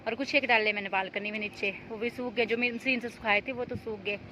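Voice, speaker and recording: Woman vlogger, chatty and rambling, light high voice, phone mic with faint street noise. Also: steady tone, fairly quick, sharp tone. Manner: chatty, talks to viewers about chores. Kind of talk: casual vlog narration. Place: home rooftop and house.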